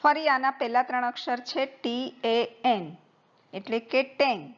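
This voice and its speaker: Woman math teacher, unhurried and patient, spells terms out letter by letter, muffled lo-fi sound. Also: on the high side, expressive. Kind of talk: board-writing math lesson.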